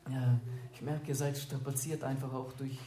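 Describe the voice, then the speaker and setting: A woman preacher giving an expository Bible teaching, explaining step by step and slowing down to repeat scripture verses. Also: very deep voice, little pitch movement, mellow. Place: church gathering with children nearby. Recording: roomy echo, faint background noise. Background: faint room noise.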